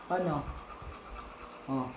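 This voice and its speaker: A father in a casual home video, patiently coaxing and gently scolding his young child, repeating his questions over and over. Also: fairly high pitch, drawn-out words, roomy sound, slight background noise, poor audio. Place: home, indoors.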